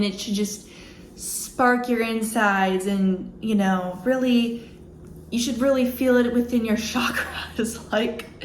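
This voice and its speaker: A woman's voice: on the high side, a bit bright. A woman commenting on a clip in a wry, skeptical, chatty way, recorded on her phone. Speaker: YouTube commentator reacting to a clip. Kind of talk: casual reaction commentary. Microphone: phone mic. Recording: echoey room, faint background noise, phone recording.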